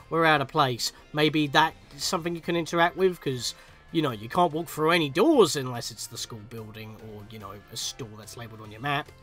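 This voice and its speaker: Animated man doing game commentary, higher-pitched. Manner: chatty, reacts aloud and exasperated asides. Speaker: let's play streamer. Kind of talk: casual game commentary with in-game text read aloud.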